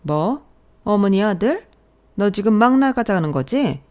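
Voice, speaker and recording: A woman's voice: medium pitch, expressive, measured pace, mellow, clear, resonant tone, pitched above the performer's own voice, lightly acted. A woman voicing a brazen, scolding older mother-in-law who demands money, in a bossy, contemptuous radio-drama manner. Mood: furious. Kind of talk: Korean radio drama story reading.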